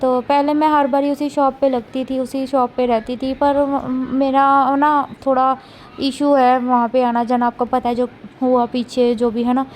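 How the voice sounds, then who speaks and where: Woman vlogger, high voice, rambling home chat into a phone camera, faint room noise. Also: little pitch movement, unhurried, darkish tone. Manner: talkative, rambling, frequent tag questions. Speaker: vlogger, mother. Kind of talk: casual chatty daily vlog.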